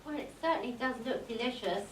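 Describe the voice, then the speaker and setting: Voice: mid-range voice, quick pace, natural voice. A performer playing a sweet, gullible young maiden in camp pantomime style, fluttery and dithering. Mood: tempted. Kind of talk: camp pantomime acting to audience. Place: small stage in hall, far camera. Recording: echoey hall, very noisy, distant, audience.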